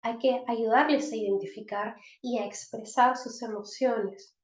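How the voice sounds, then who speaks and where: A woman psychologist with a slightly high, fairly even voice speaks unhurriedly in an online talk for parents. She explains things and frequently checks in with her listeners using tag questions, and the call audio is roomy and dull.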